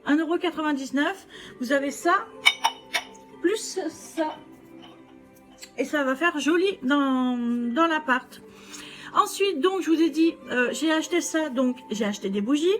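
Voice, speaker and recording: A woman's voice: high-pitched, measured pace, long pauses, fairly bright tone, soft background music. A woman chatting casually to camera about her shopping haul, full of fillers and restarts. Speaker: vlogger showing shopping haul. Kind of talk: casual chat.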